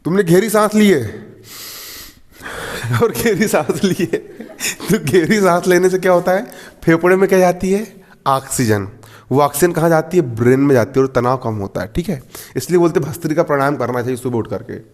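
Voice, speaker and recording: A man's voice: fairly high pitch, expressive, moderate pace, big-room sound. A man teaching a class in a chatty, laughing way, often asking his students if they follow. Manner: chatty, laughs often, repeats "theek hai". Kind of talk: classroom lecture.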